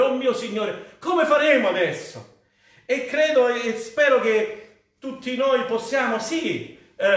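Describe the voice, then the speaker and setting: A man's voice: very high-pitched, a bit bright. An Italian man preaching a sermon as pastor, fervent and rising on cries to the Lord. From Italy. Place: church. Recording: very echoey church hall.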